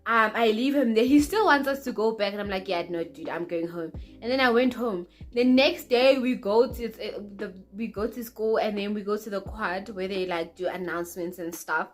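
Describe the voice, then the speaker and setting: A young woman telling a dramatic, animated storytime to her vlog audience. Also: mid-range voice, moderate pace, hardly any pauses, soft background music. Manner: animated, dramatic, acts out quotes. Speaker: vlogger. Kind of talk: casual storytime.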